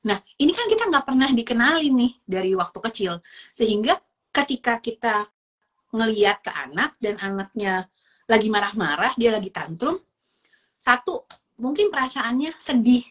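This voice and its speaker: A parenting educator with a fairly high voice and normal speed explains children's emotions casually and chattily, slipping in English words. She's lively, acting out small dialogues in changing voices.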